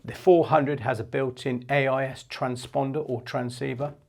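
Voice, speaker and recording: A man in his fifties presents products for a marine equipment shop, giving an unscripted demo into a clip-on lapel mic. His medium-pitched voice is steady, a little mellow, and touched with vocal fry, and he explains things plainly at a moderate pace.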